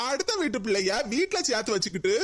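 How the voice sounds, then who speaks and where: A woman's voice: fairly high pitch, sing-song, quick pace. A woman voicing a hot-tempered, bullying village uncle in a cartoon, taunting and threatening with a Kanyakumari Tamil accent. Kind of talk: cartoon voice acting.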